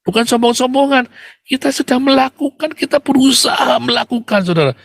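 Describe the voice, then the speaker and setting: A man delivering an impassioned, combative monologue to his viewers. He keeps calling them brothers and sharply jumps up in pitch whenever he makes a point. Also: a little fast, gravelly, no room sound. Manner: emphatic and combative, keeps addressing listeners as brothers.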